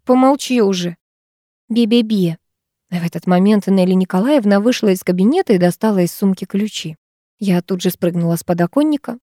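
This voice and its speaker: A woman narrates a novel in first person with lively, expressive delivery. Her voice is mellow and warm at a middle pitch. The recording is close and dry, with no room sound. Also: quick pace, no echo. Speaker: audiobook narrator.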